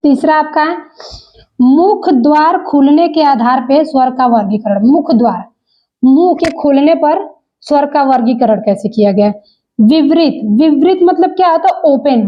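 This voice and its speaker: A woman's voice: high voice, moderate pace, lo-fi sound. A woman teaching an exam-prep lesson, repeating each point and calling the viewers friends.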